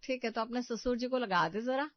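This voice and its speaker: A woman's voice: a little high, fairly quick, no echo, natural voice. A woman voicing a lazy, fretful middle-aged mother-in-law in a cartoon story, complaining and ordering others about. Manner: complaining, bossy. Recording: dull dry recording.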